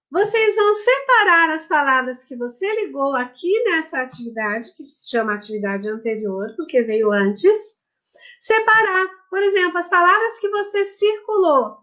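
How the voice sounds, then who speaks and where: A woman's voice: high voice, a bit bright. A woman, a primary school teacher recording a lesson for children, explaining patiently and affectionately step by step.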